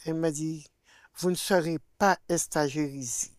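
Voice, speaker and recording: An older woman with a Martinican French accent tells a personal faith testimony as an interview guest. She acts out the dialogue she quotes and swings between loud and hushed. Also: deep voice, fairly even intonation, a little slow, no room sound, studio quality.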